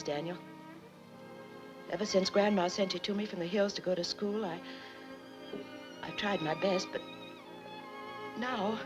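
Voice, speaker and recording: An actress playing a soft-spoken, hesitant middle-aged Southern aunt worried about her nephew, in a 1940s film. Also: on the low side, lo-fi sound, natural voice. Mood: earnest. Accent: American Southern. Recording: old film soundtrack with loud music.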